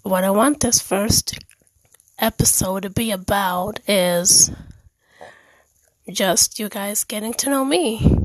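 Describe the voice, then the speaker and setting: A woman's voice: mid-range voice, slow, pauses often, no room sound, low-quality recording. A woman hosting her own podcast, talking candidly and earnestly about her life in a heartfelt monologue. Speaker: podcast host.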